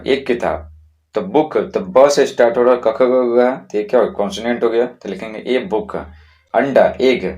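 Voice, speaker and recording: Man slowly explaining school grammar. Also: medium pitch, a little mellow. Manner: slow, repetitive classroom explaining with frequent checks. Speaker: teacher.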